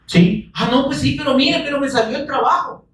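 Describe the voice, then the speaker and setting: A man's voice: extremely high pitch, fairly quick, recorded from a distance. Fervent preacher man, echoey hall. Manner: fervent, bursts into shouting, pleads with rhetorical questions. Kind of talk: evangelical sermon.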